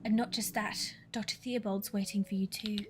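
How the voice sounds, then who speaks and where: A woman's voice: medium pitch, fairly even intonation, a little fast, slight background noise, natural voice. A woman voicing a curt, prickly hospital colleague who speaks tersely and coolly.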